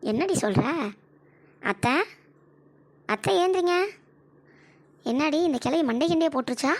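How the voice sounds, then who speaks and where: Brief: brash scheming elder daughter-in-law, voiced by a woman, high-pitched and bossy, dry close sound. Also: fast talker, a little mellow, no room sound. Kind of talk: cartoon voice acting.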